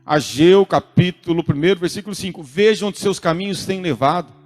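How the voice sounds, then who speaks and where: High-voiced Brazilian preacher, earnest sermon. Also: male voice, brisk, a little mellow, faint music behind. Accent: Brazilian Portuguese. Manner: earnest, rising to emphatic urging. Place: church service streamed online.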